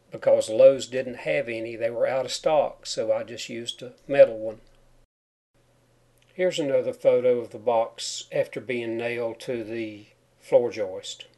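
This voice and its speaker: A man's voice: mid-range voice, dark tone. Man with whistling s sounds from a chipped tooth. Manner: plain, step-by-step explaining. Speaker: DIY home wiring instructor. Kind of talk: narrated how-to tutorial over photos.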